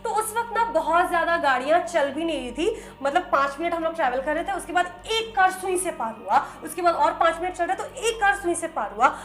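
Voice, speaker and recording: A young woman tells a trip story to her viewers with a very high voice. She is animated and chatty and talks straight to the audience. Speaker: vlogger narrating a trip. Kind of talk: casual storytelling vlog.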